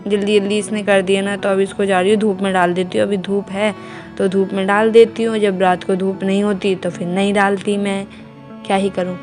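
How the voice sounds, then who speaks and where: Chatty young mother vlogging at home. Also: medium pitch. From India. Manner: chatty, homely, talks to viewers and baby. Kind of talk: casual vlog narration to viewers. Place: home indoors.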